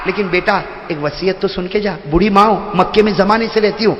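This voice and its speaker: Give me a tender old mother pleading quietly, put on by a male preacher, in a reverberant hall. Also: high voice, highs cut off. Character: poor, pious elderly woman, tender and motherly. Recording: echoey hall with faint noise.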